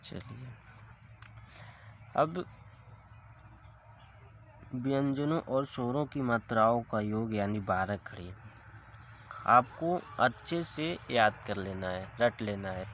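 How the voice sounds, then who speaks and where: A man teaching a Hindi alphabet lesson, slowly repeating each syllable as a drill. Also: medium pitch, lively intonation, fairly bright tone, slight background noise. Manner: slow, repetitive drilling, drawing out each syllable.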